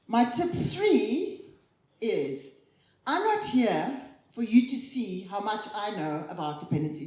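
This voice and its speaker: A woman giving a chatty conference keynote on stage, lively and quick to laugh at herself. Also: medium pitch. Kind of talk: live tech talk on stage. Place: conference hall. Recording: roomy hall sound.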